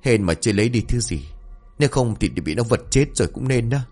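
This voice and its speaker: A man's voice: mid-range voice, animated, brisk, darkish tone, faint music behind, lightly acted. A man voicing a short-tempered older gang boss who snaps and scolds. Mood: gruff. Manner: snapping, scolding.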